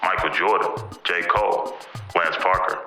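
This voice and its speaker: A man's voice: deep voice, fairly even intonation, normal speed. A man with a New York accent hosting a podcast, stammering through questions and reading a playful scripted monologue. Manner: stammering restarts, "mm-hmm" backchannels. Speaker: podcast host. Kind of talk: casual interview chat and scripted monologue. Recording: echoey room with loud music behind.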